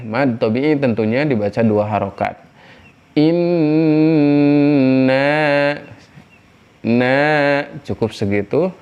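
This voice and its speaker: A man teaching Quran recitation rules, patiently explaining and drawing out syllables slowly to demonstrate. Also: mid-range voice, gravelly, muffled recording. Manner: patient, repeats syllables slowly to model pronunciation. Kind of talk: tajwid lesson with slow demonstrations.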